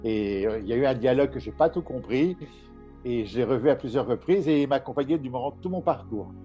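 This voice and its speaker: Expressive and fairly quick, a middle-aged medium and author from Paris recounts episodes from his life in a casual interview, laughing often and restarting as he goes. His medium-pitched voice has a dark tone, the recording is muffled, and faint music plays behind.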